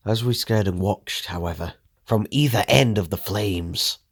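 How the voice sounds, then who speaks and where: A man tells a first-person audio drama in a low, gravelly voice. His read is steady and measured, and the sound is dry and close. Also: no echo. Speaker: narrator.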